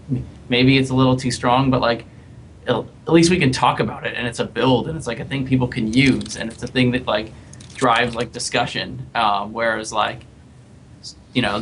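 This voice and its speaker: A man, a game developer, thinking aloud in a casual podcast panel discussion, often pausing and restarting. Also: medium pitch, fairly bright tone, slight background noise. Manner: hesitant, many fillers and restarts.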